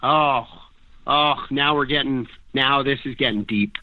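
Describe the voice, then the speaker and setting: A man from Canada tells rambling, animated stories with a joking edge. His voice sits in a middle pitch. The sound is dry and thin, like over a phone line. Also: a little slow, no echo. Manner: animated, jokey, rambling storyteller. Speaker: guest snowboarder. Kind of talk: casual podcast storytelling. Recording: dry, tinny phone-like audio.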